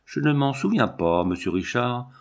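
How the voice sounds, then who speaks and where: A man's voice: medium pitch, lively intonation, moderate pace, vocal fry. A man reading aloud, voicing a deferential, embarrassed male village policeman. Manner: deferential, subdued.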